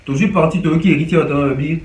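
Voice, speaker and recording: A man's voice: on the high side, fast talker. Man commenting from far off. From DR Congo. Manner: mixes French and Lingala, animated with frequent hesitations. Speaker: music commentator. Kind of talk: casual spoken commentary. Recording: echoey room, distant from mic.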